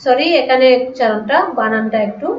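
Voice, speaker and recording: Female teacher, slightly high voice, patient repeating lecture, roomy lo-fi recording from afar. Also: fairly even intonation, a little hiss or hum. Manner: explains slowly, repeats example words, asks rhetorical questions. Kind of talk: online class lecture. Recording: echoey room, distant lo-fi mic.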